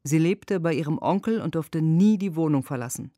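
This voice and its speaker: A woman reading a lawyer's translated interview answers in a measured, earnest way. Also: low voice, lively intonation, warm tone, no room sound, clean studio sound.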